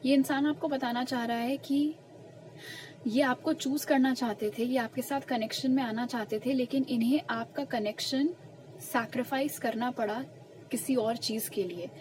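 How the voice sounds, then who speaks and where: On a low-quality recording with a little hiss or hum, a young woman with a high voice gives a pick-a-card tarot reading. She murmurs soft, unhurried questions while shuffling and lays out each message with earnest emphasis.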